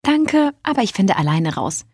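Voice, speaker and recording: Brisk, no-nonsense young woman, read by a woman. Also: medium pitch, sing-song, breathy edge, dry recording, clean studio sound. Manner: curt, matter-of-fact. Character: brisk practical woman, dry and teasing.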